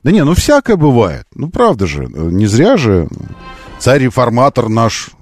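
A man's voice: medium pitch, wildly swooping pitch, moderate pace, darkish tone, soft background music. A man hosting a live call-in radio show, arguing insistently and repeating phrases for emphasis. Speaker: radio talk show host.

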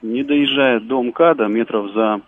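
A man's voice: medium pitch, a little slow, a little hiss or hum. A man calling in to a radio show by phone, explaining something in plain conversational speech. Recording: narrow, tinny phone line.

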